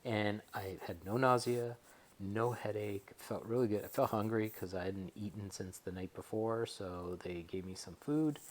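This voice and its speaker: Guy with a low voice just chatting to camera at home, rambly, kinda hesitant. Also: fairly even intonation, moderate pace. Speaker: patient recording a recovery update. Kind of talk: casual rambling vlog talk. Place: bedroom at home.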